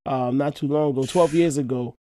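A man's voice: medium pitch, steady tone, fairly quick, dark tone. A man hosting a music show, chatting casually about new songs in slangy, hyped banter.

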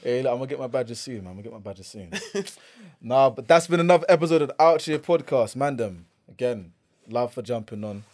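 A man's voice: medium pitch, lively intonation, fairly quick, a little mellow. A young man with a London roadman accent hosts a podcast in casual, slangy banter, often repeating himself. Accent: London, urban roadman slang. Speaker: podcast host.

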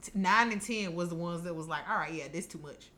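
Bright-toned joking woman co-host. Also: on the low side, fairly quick, slight background noise. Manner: laughs often, loose and joking. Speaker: podcast co-host. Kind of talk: casual chat.

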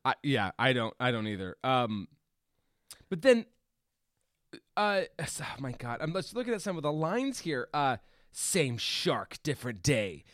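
A man's voice: mid-range voice, normal speed, pauses often, no room sound, studio quality. A man co-hosting a podcast, chatting casually about a movie and restarting his sentences often. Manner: rambling, restarts often, animated. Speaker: podcast co-host. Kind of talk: casual movie review chat.

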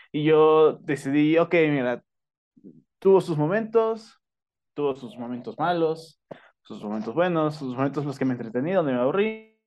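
A man co-hosting a film podcast, talking in an animated, casual way and laughing now and then. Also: medium pitch, muffled recording.

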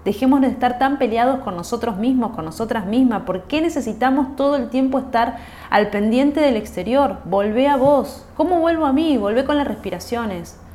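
A woman's voice: fairly high pitch, lively intonation, moderate pace, mellow. A woman with a Rioplatense accent hosting a self-help podcast, reflective, repeating phrases and asking herself rhetorical questions. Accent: Rioplatense Spanish. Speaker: podcast host.

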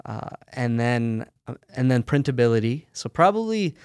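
A man who runs a sock company, talking through his business in a relaxed, practical way during an interview. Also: medium pitch, moderate pace, clean tone, no room sound, studio quality. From United States. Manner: relaxed, practical, talks in run-on explanations. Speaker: sock company owner, guest. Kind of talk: casual interview conversation.

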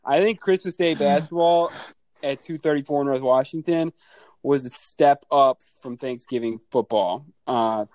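A man's voice: medium pitch, unhurried, a little mellow, no echo. Man in his thirties, laid-back host with a mid-range voice, laughs a lot, swears, acts out scenes, dry close sound. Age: 30s. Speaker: podcast host. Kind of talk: casual chat.

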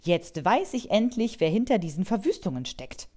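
A woman voicing a cranky, fussy male sports-car driver in a children's storybook, with a shrill, indignant way of talking. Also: very animated, moderate pace, warm tone. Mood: gloating.

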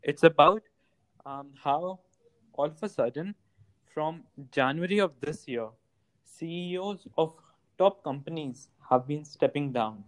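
Smooth-voiced Pakistani man mixing Hindi-Urdu and English. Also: a little high, a little slow, fairly bright tone, no echo, poor audio. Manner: mixes Hindi-Urdu and English mid-sentence. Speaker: podcast host. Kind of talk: casual conversational podcast.

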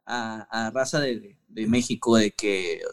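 A man from northern Mexico interviewing a guest in a relaxed, conversational way. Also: fairly low pitch, measured pace. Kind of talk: casual interview chat.

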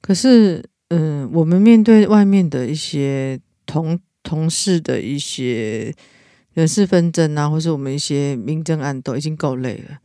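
A mid-range, warm, clear and resonant voice speaks a little slowly in a clean, echo-free studio recording. The speaker, a teacher and podcast co-host with a Taiwanese Mandarin accent, tells of his own experiences in casual chat, sincere and frequently starting sentences over.

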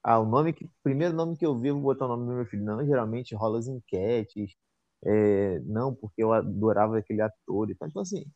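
A man's voice: lowish voice, brisk, no room sound, muffled recording. A man hosting a casual interview in a laid-back, slangy way.

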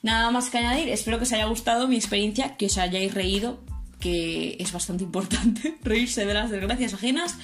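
A young woman with a Spain Spanish accent tells a funny personal story straight to camera. She talks casually, swears freely and slips into the voices of people she quotes. Her voice sits at a middle pitch, and the room around her is echoey. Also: normal speed, faint music behind. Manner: animated, swears often, acts out quotes. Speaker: vlogger.

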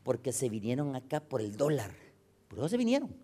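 A male pastor preaching a storytelling sermon, swinging from loud exclamations to low asides. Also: big pitch swings, fairly quick, faint music behind.

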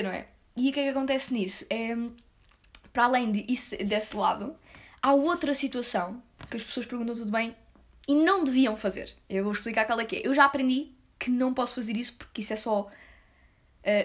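A woman with a European Portuguese accent, ranting casually and bluntly to her viewers in a slangy, rambling way with sudden emphatic outbursts. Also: high voice. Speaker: vlogger.

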